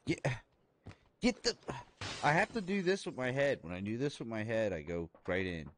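A man streaming a shooter game live, thinking aloud as he loots, excitable, with his voice jumping up high at times. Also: a little fast, a little hiss or hum. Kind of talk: live gameplay commentary.

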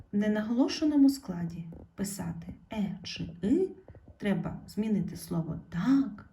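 A woman with a mid-range voice teaches a primary school spelling lesson, speaking slowly and clearly. She calls out example words loudly, then drops almost to a whisper to state the rule.

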